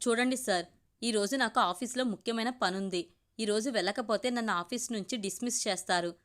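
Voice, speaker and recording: A woman's voice: on the high side, fairly quick, fairly bright tone, close to an everyday voice. A woman reading the part of a young office-worker husband who complains in exasperation.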